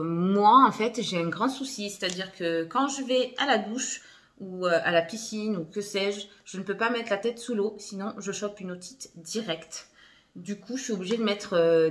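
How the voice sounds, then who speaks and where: Chatty young woman doing a haul vid at home, mid pitch, bit of hiss. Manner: chatty, filler-heavy, giggly asides. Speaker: vlogger. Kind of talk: casual haul video.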